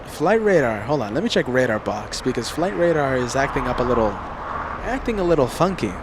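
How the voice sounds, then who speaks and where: A man's voice: mid-range voice, very animated, a little fast. A man hosting a casual live plane-spotting commentary outdoors, announcing in short phrases with chatty asides. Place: outdoors beside a road near the airport. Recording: loud outdoor traffic and vehicle noise. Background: vehicles and urban outdoor noise.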